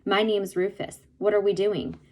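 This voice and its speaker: A woman's voice: mid-range voice, flat delivery, normal speed, a little mellow, natural voice. A woman voicing a friendly, talkative country boy from Arkansas with a folksy Southern drawl. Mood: eager.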